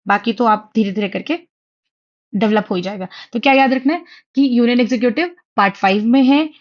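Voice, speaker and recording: A woman's voice: fairly high pitch, brisk, lo-fi sound. A young woman teaching an online exam-prep lecture, chatty and reassuring, often checking in with her students. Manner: chatty, reassuring, asks "theek hai?" often. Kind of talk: online lecture in Hindi-English mix. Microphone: writing on a tablet while teaching.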